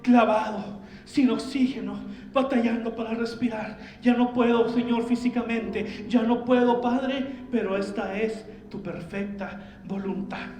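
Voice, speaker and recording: A man preacher voicing a suffering, crucified Jesus who speaks softly, hushed and breathless, in an echoey church. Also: very high-pitched, steady tone, a little slow, few pauses. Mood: hushed resigned. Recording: echoey church with faint music.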